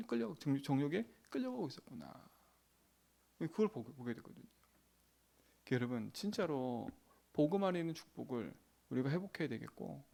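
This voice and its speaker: Male pastor, middle-aged, fairly high gravelly voice, casual emphatic sermon delivery that keeps asking the room to agree. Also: darkish tone. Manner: emphatic, colloquial preaching with frequent repeated phrases; asks the congregation for agreement. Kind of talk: dawn prayer sermon.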